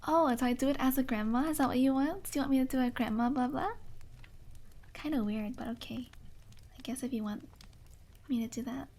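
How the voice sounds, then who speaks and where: A woman's voice: high-pitched, a little fast, long pauses, darkish tone. A woman streamer chatting casually with viewers on a live stream. She giggles often, reads requests aloud, answers them and apologizes with a self-mocking air.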